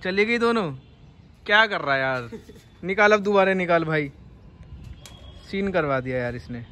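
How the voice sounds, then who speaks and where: A young man from India in casual vlog commentary on an outdoor city rooftop, recorded on a handheld phone, excitable and often laughing as he urges a friend on. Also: sits high, moderate pace. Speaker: vlogger. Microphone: phone camera held by the speaker.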